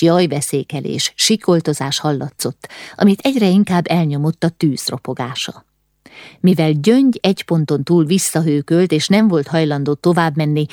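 A woman's voice: low-pitched, a little mellow, dry recording, studio quality. A woman reading a novel aloud as an audiobook narrator, voicing the dialogue with urgent, rising lines in tense moments. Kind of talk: scripted narration.

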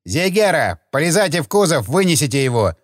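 A man voicing a brutal gunman who shouts curt orders. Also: on the high side, big pitch swings, a little fast, no echo, clean studio sound. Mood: barking. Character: brutal male gunman accomplice, barking orders.

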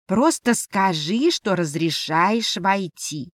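A woman voicing a grumpy, cheeky little male winged mouse familiar in an audiobook, speaking in a slow, sarcastic drawl. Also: medium pitch, expressive, no echo, studio quality. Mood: grumbling.

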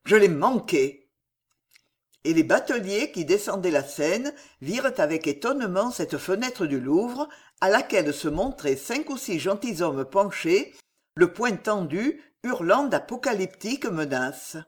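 An audiobook narrator reading a historical adventure novel with an expressive, dramatic delivery. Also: medium pitch, measured pace. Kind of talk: scripted narration.

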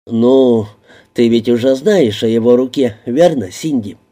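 A smug, coercive man who speaks with slow, even, coaxing menace, as the reader gives him voice. His voice is very dark and mellow, held at a middling pitch. His words come out level and unhurried in this audiobook reading. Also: lightly acted.

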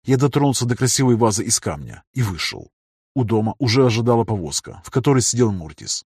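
A man narrating a first-person fantasy audiobook in a measured, even reading. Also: mid-range voice, husky, no room sound, clean studio sound.

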